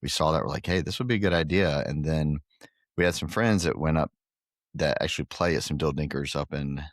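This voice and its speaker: With a bass voice at a fairly quick pace, a middle-aged man from Guatemala who runs a pickleball facility talks earnestly on a podcast in a casual interview, often using fillers and starting over. The sound is dry and clean, studio-grade.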